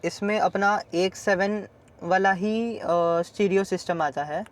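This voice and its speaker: A man who owns the car, answering questions in a measured way and dropping in English words. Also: sits high. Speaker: car owner, guest. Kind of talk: casual interview answers. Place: driving a car.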